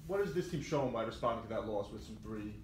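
Man reporter, fast questions, uhs, echoey room, light noise. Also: on the low side, animated, darkish tone. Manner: quick, with uhs. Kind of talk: asking press questions.

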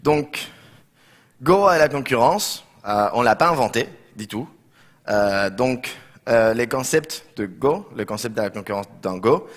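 A man's voice: mid-range voice, fairly bright tone. Spanish-accented man presenting in slightly broken French. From Barcelona, Spain. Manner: slightly broken non-native French, hesitant with frequent reformulations. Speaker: conference speaker, software developer. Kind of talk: technical conference presentation. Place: conference room, indoors.

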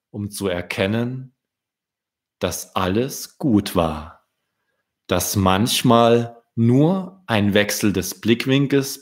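A man, a children's book author, reading his story aloud in a deliberate storytelling manner. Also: mid-range voice.

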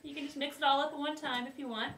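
Quick and steady, with a high, fairly bright tone, a young woman hosts a home cooking video, playing at being formal and giggling often. She's captured from a distant camera in a small wooden kitchen, and the audio sounds roomy and remote with faint hiss.

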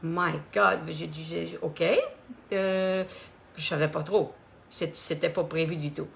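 Gravelly expressive Québécoise woman. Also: low-pitched, a little slow, a little hiss or hum. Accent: Quebec French. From Quebec, Canada. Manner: expressive and animated, many fillers. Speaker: singer hosting her own live stream. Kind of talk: casual storytelling.

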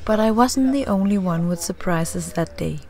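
A woman reads a scripted voice-over for a sailing vlog. She tells the story in a warm, reflective way, with clear music playing underneath. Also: lowish voice, lively intonation, moderate pace.

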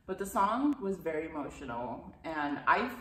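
A woman's voice: low-pitched, big pitch swings, moderate pace, fairly bright tone. A young woman co-hosting a reaction video, chatting in a laid-back way and saying 'dang' a lot. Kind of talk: casual chat. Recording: echoey room with faint noise.

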